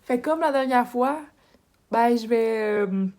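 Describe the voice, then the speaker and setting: Chatty young Québécois woman, higher voice. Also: unhurried, a little mellow. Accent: Québécois French. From Quebec, Canada. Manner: chatty, rambling, heavy use of filler words. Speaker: vlogger. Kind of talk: casual storytelling vlog. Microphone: phone camera.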